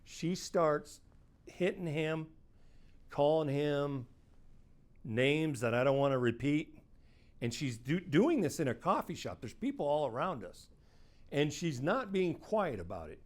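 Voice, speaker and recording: A man's voice: a little high, sing-song, unhurried. A middle-aged man, a private investigator, telling one of his cases in a casual, conversational first-person way. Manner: conversational, quotes people in his story, plain-spoken. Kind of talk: first-person case storytelling.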